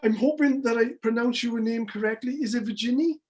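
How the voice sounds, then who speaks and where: A woman interviewing authors over a video call, speaking haltingly with many restarts. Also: fairly high pitch, a little mellow. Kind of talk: casual interview.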